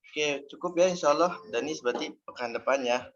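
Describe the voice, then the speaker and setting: A man's voice: a little high, a little fast, crowd noise. Patient man teaching Quran recitation. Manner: patient, explanatory, drills syllables aloud. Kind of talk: online class teaching. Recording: dull audio with faint noise.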